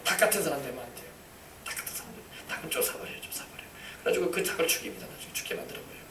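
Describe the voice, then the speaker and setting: Male pastor, quick emphatic sermon, echoey church, distant mic. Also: on the high side, noisy background. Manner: emphatic, repetitive preaching with congregation responses. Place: church sanctuary.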